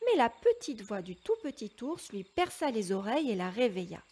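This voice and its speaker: A woman narrating a children's fairy tale with slow, expressive storytelling. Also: on the high side, breathy edge.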